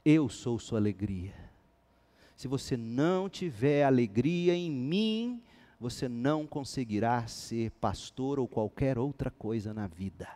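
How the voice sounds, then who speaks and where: A man voicing God as a calm, fatherly figure who speaks solemnly and gently inside a sermon. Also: medium pitch, slow.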